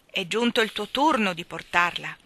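A woman voicing a gentle, courteous crowned lion. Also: high-pitched, sing-song, normal speed, no echo, pitched above the performer's own voice, exaggerated voice. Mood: polite.

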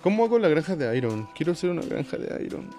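A man's voice: fairly high pitch, big pitch swings, quick pace, mellow. A man with a Mexican accent chatting casually and joking with his viewers while he plays, swearing freely. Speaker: game streamer. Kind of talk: casual live-stream chat while playing. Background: game music.

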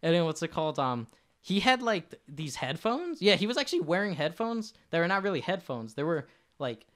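A man's voice: on the high side, big pitch swings, brisk, fairly bright tone. A young man co-hosting a casual podcast, telling a story in a rambling way, full of fillers and asides. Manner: rambling, many fillers and laughs. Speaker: podcast co-host.

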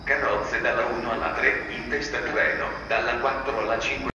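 A man giving a formal train station announcement over a public address loudspeaker on an outdoor platform, in a measured announcing manner. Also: medium pitch, steady tone, lo-fi sound. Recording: echoey loudspeaker from far, loud noise. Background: loud station and vehicle noise.

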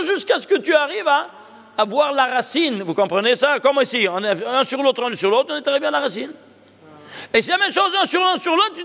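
A man with a high voice teaches a Torah lesson as a rabbi. He keeps posing questions and answering them himself, checking that his class follows along. His voice rings through a hall with a long trailing reverb. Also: fairly bright tone. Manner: checks understanding with the audience.

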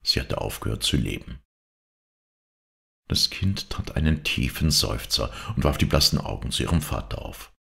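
A man reading a classic novella aloud in a dramatic, expressive storytelling manner. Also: a bass voice, moderate pace, creaky. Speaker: audiobook reader.

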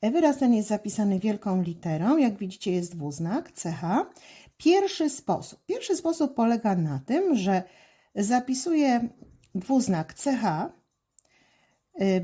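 A woman teaching children handwriting, explaining each stroke slowly and calmly, with frequent hesitation fillers. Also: mid-range voice. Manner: calm, deliberate, many "e" fillers. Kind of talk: slow step-by-step instruction.

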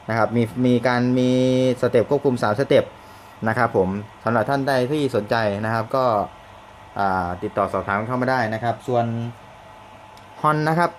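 A man casually demonstrating a siren box, speaking politely and repeating phrases with many fillers, in a shop or workshop. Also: medium pitch. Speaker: product demonstrator. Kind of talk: casual product demo. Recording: faint background noise.

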